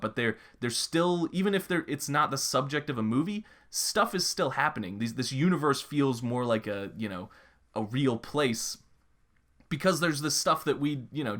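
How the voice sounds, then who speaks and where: A man's voice: mid-range voice, expressive, moderate pace, a bit bright. Rambling young man chatting on a podcast. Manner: rambling, lots of restarts and filler. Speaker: podcast co-host. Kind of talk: casual chat.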